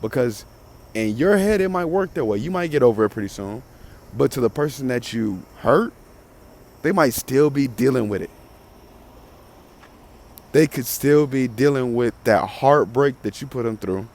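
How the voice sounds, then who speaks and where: A man's voice: mid-range voice, lively intonation, normal speed, pauses often, a little mellow. A man with a Southern US country accent, speaking as a podcast host in a casual motivational monologue, emphatic and repeating phrases for stress.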